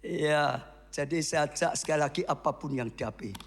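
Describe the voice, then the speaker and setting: Guy preaching, goes quiet then yells, long echo in the hall. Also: fairly high pitch, fairly quick, slight background noise. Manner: swings from quiet asides to shouted exhortation. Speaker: pastor. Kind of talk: sermon.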